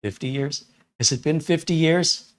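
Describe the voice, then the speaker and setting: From a small home studio, a Detroit man in his fifties or sixties hosts a laid-back tech live stream, wandering off on tangents and bluntly answering viewers' questions. His voice is a little high, at normal speed.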